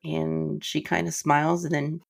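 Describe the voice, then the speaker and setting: Deep gravelly woman podcast co-host. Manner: reflective, emotional, pauses to steady herself. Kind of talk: casual film discussion.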